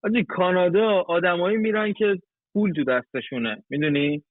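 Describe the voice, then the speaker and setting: A man, a guest in a casual chat, explaining things chattily with rough numbers and everyday examples. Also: sits high, dry recording. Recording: tinny phone-like line.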